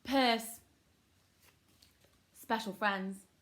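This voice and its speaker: A woman's voice: a little high, fairly even intonation, drawn-out words, a bit bright. A woman teaching a children's phonics lesson, giving short prompts, modelling words syllable by syllable and praising often. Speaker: primary school teacher.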